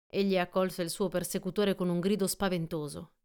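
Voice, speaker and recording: A woman reading a classic adventure novel aloud as an audiobook, in an even, measured storytelling manner. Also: lowish voice, clear, resonant tone. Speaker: audiobook reader. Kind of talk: scripted literary narration.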